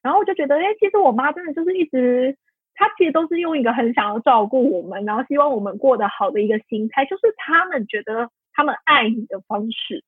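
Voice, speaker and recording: Woman, husky, fairly high voice. Candid, rambling guest, lots of fillers. Tinny phone-line sound. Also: expressive, fast talker, dry recording. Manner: rambling, many fillers and self-corrections, emotional. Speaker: podcast guest. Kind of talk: candid personal storytelling.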